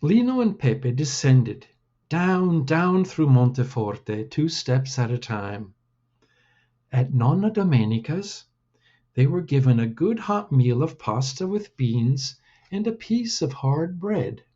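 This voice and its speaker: A man reading his own storybook aloud in a deliberate, measured way. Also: medium pitch, very animated, dark tone, husky, dull audio.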